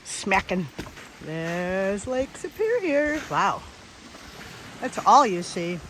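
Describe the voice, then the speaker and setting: A woman's voice: mid-range voice, sing-song, very slow, noisy background. A woman vlogging casually outdoors on a lake beach, chatting and talking to her dog as she searches. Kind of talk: casual vlog narration.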